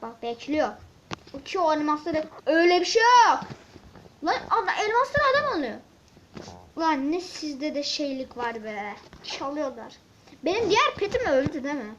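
A woman giving casual let's-play commentary, excitable and grumbling as she talks to viewers and the game. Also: high voice. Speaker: gaming channel host. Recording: dull lo-fi mic with faint hiss and clicks.

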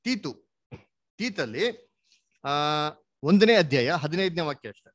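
A man's voice: fairly high pitch, sing-song, unhurried, no room sound. Dry-voiced questioning male Bible teacher. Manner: questioning, prompts listener to answer and read verses; mixes English words into Kannada. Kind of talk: interactive Bible study lesson.

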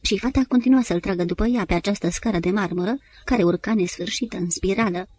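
A woman narrating an audiobook in a measured storytelling manner. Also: mid-range voice, a little mellow. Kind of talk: scripted literary narration.

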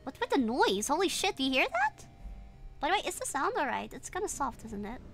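Her voice sits high and sing-song, bright and fairly quick, as this young virtual streamer, whose first language isn't English, comments live on a horror game. She chats with viewers, reads their messages, and shrieks and giggles at scares, with game music behind her.

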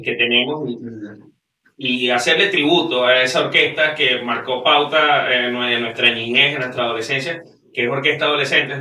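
A Venezuelan band member explains earnestly in an interview, leaning on fillers. His very bright voice comes from away from the mic in a roomy studio with light hiss. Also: medium pitch, recorded from a distance. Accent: Venezuelan Spanish. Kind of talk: interview answers.

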